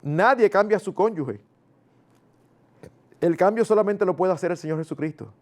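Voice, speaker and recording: A male pastor delivers a sermon. His voice sits high, and he talks to the congregation in a lively, conversational way, stepping into everyday family dialogues in a raised voice. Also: normal speed.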